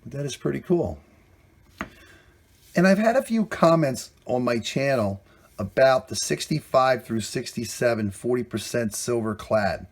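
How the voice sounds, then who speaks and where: A man with a mid-pitched voice hosts a coin hunting vlog from indoors at home. He talks casually and plainly, cheerful as he walks through what he found. The sound is a simple camera mic recording. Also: expressive, unhurried. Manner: chatty, plainspoken, upbeat about finds. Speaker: coin roll hunting channel host.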